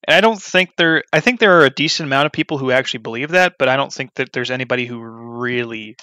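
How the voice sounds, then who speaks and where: A man's voice: mid-range voice, fast, pushed and bright, no room sound. A man giving casual gameplay commentary as a gaming YouTuber, rambling bluntly with many ums and restarts. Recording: slightly dull, dry recording.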